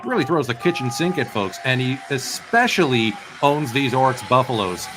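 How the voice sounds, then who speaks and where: Medium-pitched male baseball analyst. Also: animated, normal speed, noisy background. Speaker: baseball color commentator. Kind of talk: live analytical sports commentary.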